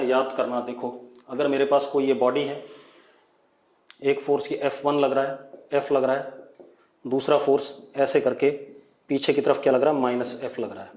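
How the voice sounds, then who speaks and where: A man's voice: medium pitch, fairly even intonation, normal speed, a little mellow, reverberant. A man teaching a physics class online, asking students questions and repeating key words as he writes. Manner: mixes Hindi with English dictation.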